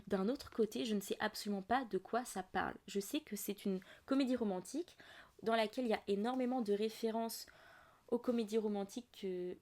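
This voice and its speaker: A woman's voice: mid-range voice, a little mellow. A young woman hosting a casual book podcast, chatty and full of asides and fillers. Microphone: audio-only podcast mic.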